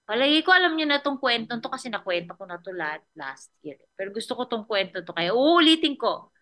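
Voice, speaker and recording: Bright-voiced Filipino woman pastor. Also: medium pitch. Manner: conversational, mixing English and Tagalog, checks in with "okay?". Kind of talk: sermon.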